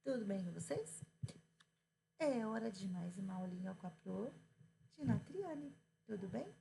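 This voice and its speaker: Brazilian woman teacher, chatty and emphatic, with a gravelly voice and faint hiss behind. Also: medium pitch, expressive, dark tone. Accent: Brazilian Portuguese. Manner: chatty, drawn-out teacherly emphasis, asks and answers own questions. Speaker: Portuguese teacher. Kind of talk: casual online grammar lesson.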